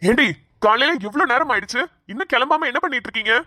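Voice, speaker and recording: A woman's voice: high-pitched, expressive, fast, pushed and bright, no room sound, studio quality, exaggerated voice. A woman voicing a stern, stubborn father in a cartoon, who scolds and gives orders. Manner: scolding, bossy. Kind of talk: Tamil cartoon voice acting.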